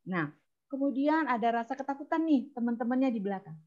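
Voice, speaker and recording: A woman teaches storytelling on a video call, her tone lively and expressive. Her voice sits fairly high, and the audio is dull and lo-fi. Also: fairly quick. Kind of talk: webinar lesson.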